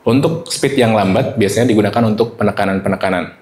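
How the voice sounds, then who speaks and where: A man in his thirties giving a presentation-skills workshop, animated and demonstrative, switching between high and low voices to show examples. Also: quick pace. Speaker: presentation trainer. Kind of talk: workshop lesson.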